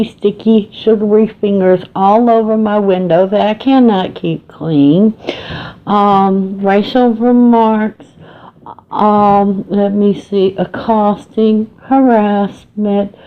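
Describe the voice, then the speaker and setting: A woman leaving a voicemail over a landline phone, slowly listing her complaints with pauses. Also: mid-range voice. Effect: heard over a landline phone. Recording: tinny landline phone line.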